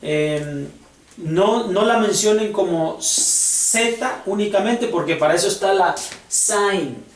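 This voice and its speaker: A male teacher walks through letter sounds, repeating each one patiently before moving on. His voice sits high and his pace is slow and deliberate. He sounds a little away from the microphone in a reverberant room, with faint noise behind him. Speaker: Hebrew teacher. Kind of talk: classroom lesson on pronunciation. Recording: echoey room, mic at a distance, faint noise.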